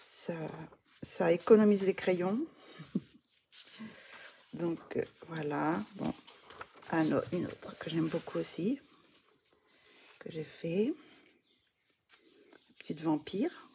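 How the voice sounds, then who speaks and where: A woman's voice: fairly low pitch, very slow, creaky, long pauses, dark tone, slight background noise. A middle-aged woman chatting casually as a coloring vlogger, hesitant with many fillers and restarts. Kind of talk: casual show-and-tell.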